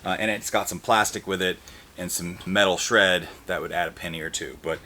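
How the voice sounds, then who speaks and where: This e-waste teardown host has a low, sharp-toned voice, talking briskly with fairly even intonation. He addresses the camera in a relaxed, plain-spoken, explanatory way while handling clicks sound against clear background noise.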